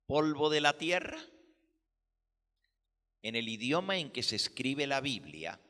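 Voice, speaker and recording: A man preaching a sermon as pastor, teaching slowly and deliberately, explaining words with care. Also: mid-range voice, sharp tone, long reverb tail. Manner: slow, deliberate teaching with careful word explanations.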